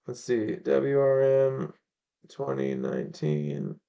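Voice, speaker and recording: A man's voice: medium pitch, very animated, takes it slowly, vocal fry, mellow, clear, resonant tone, muffled recording. A man hosting a live stream, chatting casually and rambling, often correcting himself and laughing. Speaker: cubing channel host.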